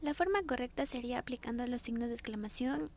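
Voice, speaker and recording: High-voiced young woman reading punctuation aloud. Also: fast, gravelly, darkish tone, a little hiss or hum. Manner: reads examples aloud, including punctuation marks. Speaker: student presenter. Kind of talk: read-aloud tutorial narration.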